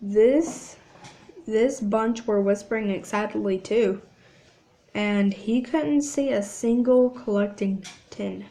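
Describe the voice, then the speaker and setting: Slow, halting woman reading aloud. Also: mid-range voice, dark tone. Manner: halting reading with frequent restarts. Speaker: channel host reading aloud.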